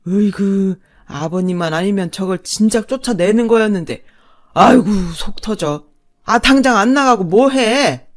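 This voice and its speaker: A woman voicing an arrogant older father-in-law who shouts insults in a storybook narration. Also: mid-range voice, animated, normal speed, close to an everyday voice. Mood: furious.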